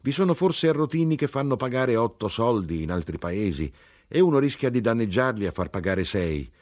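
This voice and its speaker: A man's voice: mid-range voice, sing-song, fairly quick, darkish tone, pitched above the performer's own voice, natural voice. A man doing a ragged, musing knife grinder. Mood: apologetic. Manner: wondering, musing, bursts of exclamation. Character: lanky ragged male knife grinder, earnest and whimsical.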